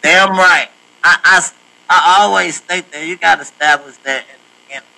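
A man hosting a podcast with a high voice that sounds bright and forceful. He talks in a loose, slangy, joking way. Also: normal speed, vocal fry, poor audio. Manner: loose, laughing, slangy storytelling. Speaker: podcast host. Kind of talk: casual chat.

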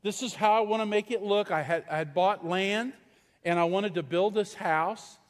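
A man's voice: high-pitched, normal speed. A middle-aged man, a pastor, preaching a sermon in a large church in a conversational, storytelling way and putting questions to the congregation. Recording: long reverb in a large church hall.

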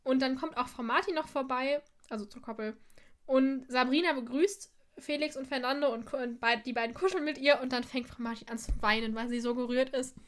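A woman's voice: high voice, a little fast, fairly bright tone. A young woman co-hosting a podcast, chatting casually and often trailing off unsure. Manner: hesitant, trails off with "keine Ahnung". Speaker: podcast co-host. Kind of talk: casual chat recapping an episode.

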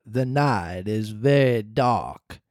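A podcast reader voicing the faint, grave ghost of an old talking cricket in a storybook reading, slow and measured. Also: mid-range voice, lively intonation, a little mellow, no room sound, clean studio sound, voice pushed down.

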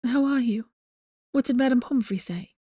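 A woman voicing a stubborn, worried young witch who speaks quietly. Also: fairly high pitch, moderate pace, husky, no echo, studio quality, pitched above the performer's own voice. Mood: stubborn worry. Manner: quiet, soft-spoken.

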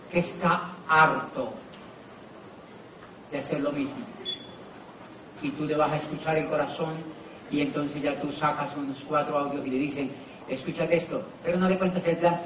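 A man's voice: a little high, slight background noise. A man with a Colombian accent, a motivational business speaker giving a live talk to an audience and acting out the conversations in his anecdotes. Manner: animated storyteller who acts out dialogue. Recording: echoey hall, distant mic, faint ambience.

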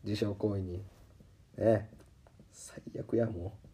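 A man with a Kansai accent hosting a podcast, telling a story in a casual, animated way and acting out the people he quotes. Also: lowish voice, slow pace. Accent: Kansai Japanese. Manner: animated, acts out quoted voices. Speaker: podcast host. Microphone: podcast microphone.

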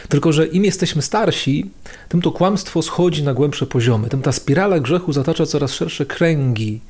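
A man's voice: fairly high pitch, normal speed, darkish tone. Priest guy doing a chatty video sermon, slangy, keeps repeating lines to hammer them home. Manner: conversational, slangy, repeats phrases for emphasis.

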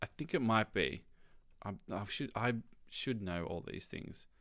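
A man's voice: fairly low pitch, animated, measured pace, fairly bright tone, no echo, studio quality. A man co-hosting a podcast, rambling casually with restarts and chuckles. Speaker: podcast co-host. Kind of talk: casual comedic chat.

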